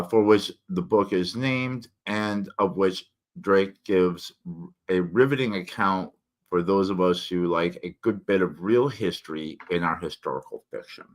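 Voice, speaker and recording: A man reviewing books in a casual, halting way, his articulation slurred and tongue-forward as if his tongue were swollen. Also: low-pitched, fairly bright tone. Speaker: book reviewer and vlogger. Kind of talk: casual spoken book review, partly read aloud.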